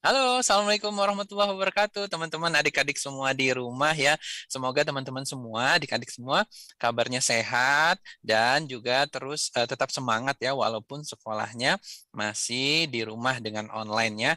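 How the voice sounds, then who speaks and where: A man telling stories to children in a friendly, gently teasing way. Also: medium pitch, fairly quick, dry recording, studio quality. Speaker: children's storyteller. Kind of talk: children's storytelling.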